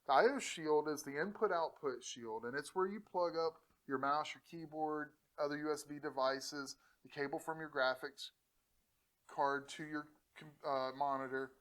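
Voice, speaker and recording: Tech channel host, male, fairly high-pitched, relaxed and playful, chatty delivery to camera. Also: normal speed, poor audio. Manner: jokey, laughs often, chatty and encouraging. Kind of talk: casual tutorial talk to camera.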